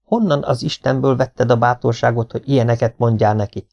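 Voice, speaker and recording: A man voicing a distraught mother who shouts at her husband and protects her son. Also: mid-range voice, fairly even intonation, vocal fry, close to an everyday voice. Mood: shouting. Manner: shouting, soothing. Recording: dull lo-fi recording.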